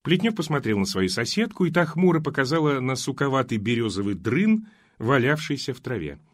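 A man narrating a story in an expressive storytelling manner. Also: medium pitch, a little fast, no room sound, studio quality. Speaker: audiobook narrator. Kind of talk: scripted narration.

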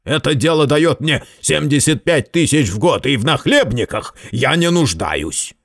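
A man voicing a big, suave male lawyer who threatens slowly and politely. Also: medium pitch, big pitch swings, gravelly, a bit bright, no room sound, studio quality, pitched above the performer's own voice, exaggerated voice. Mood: snapping. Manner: slow deliberate polite menace.

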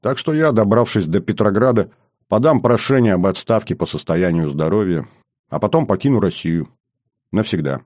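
A man's voice: on the low side, animated, moderate pace, a little mellow, no echo, clean studio sound. A man voicing a bold, bitter young officer in an audiobook, speaking bluntly and earnestly. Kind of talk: audiobook character reading.

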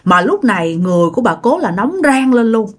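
A woman's voice: on the high side, very animated, a little fast. A woman with a Southern Vietnamese accent narrating a ghost story in a chatty way, with filler phrases and asides to her listeners.

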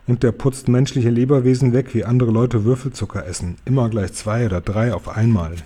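A man voicing a kind, gentle friendly giant in a storybook audiobook, playful and full of made-up words. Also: medium pitch, fairly quick, lightly acted. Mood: hushed, nervous.

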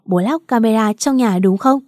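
A woman's voice: fairly high pitch, normal speed, darkish tone, no room sound, studio quality, lightly acted. A woman reading the lines of a young sister-in-law who snaps accusingly. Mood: indignant. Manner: snapping and accusatory.

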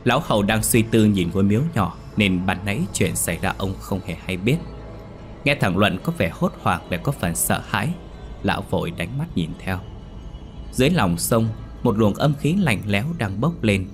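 A man narrating a ghost story in a lively, expressive storybook manner. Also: lowish voice, moderate pace, soft background music.

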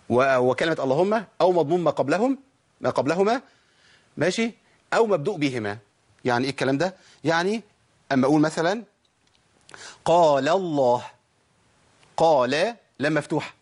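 Fast, husky Egyptian teacher. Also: male voice, fairly high pitch. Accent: Egyptian Arabic. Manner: explanatory, asks questions and answers them himself. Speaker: Quran recitation teacher. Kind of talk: spoken tajweed lesson.

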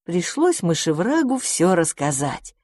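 Animated woman reading a storybook. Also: fairly low pitch, unhurried, no room sound. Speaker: narrator.

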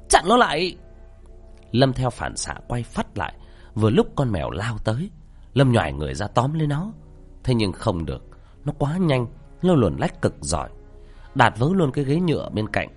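A man's voice: medium pitch, husky. A man telling a horror story in a tense, dramatic narrating style.

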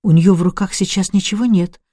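A woman's voice: mid-range voice, brisk, mellow, no echo, studio quality, lightly acted. A woman voicing a frightened lady of the house who pleads and questions, in an audiobook. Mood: doubtful.

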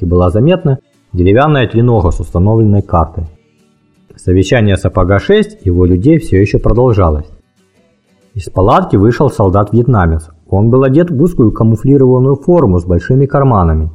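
An audiobook narrator reads a first-person war memoir in a lively storytelling style, raising his pitch for dialogue. His voice is husky and the audio sounds dull.

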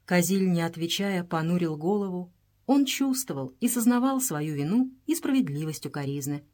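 A woman narrating an adventure novel as an audiobook in a steady, measured reading voice. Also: on the low side. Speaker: audiobook reader.

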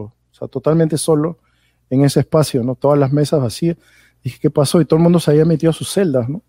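A man's voice: fairly high pitch, dark tone, no room sound. Peruvian man spinning a rambling story. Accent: Peruvian Spanish. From Peru. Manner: rambling storyteller, tags phrases with "¿no?". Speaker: podcast guest. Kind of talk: casual anecdote telling.

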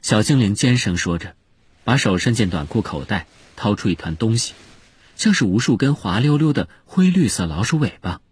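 A man narrating a storybook in a lively, expressive way. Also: lowish voice, normal speed, breathy edge. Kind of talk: storybook reading.

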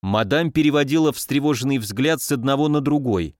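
A man narrating an audiobook in an animated storytelling manner. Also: mid-range voice, brisk, dry recording, clean studio sound. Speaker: audiobook reader.

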